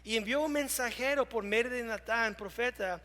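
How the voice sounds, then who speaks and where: A male pastor preaching a sermon, slowing down to read scripture aloud and moving between loud emphatic lines and hushed ones. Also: very high-pitched, long reverb tail. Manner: reads scripture aloud slowly.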